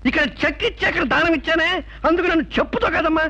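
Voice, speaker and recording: An actor playing a pompous, sweet-talking male swindler who gives grand, drawn-out pleas. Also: very high-pitched, steady tone, full character voice. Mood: melodramatic. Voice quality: grandly theatrical, drawn-out pleading speech. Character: pompous sweet-talking male con man, middle-aged. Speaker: smooth-talking swindler who hands out bad checks. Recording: muffled film soundtrack with loud music.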